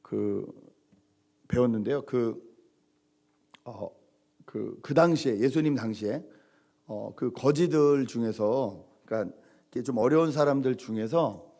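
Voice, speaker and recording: A middle-aged man preaching a Sunday sermon as pastor, animated, acting out quoted lines and swinging between loud and soft. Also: mid-range voice, measured pace, creaky, pauses often.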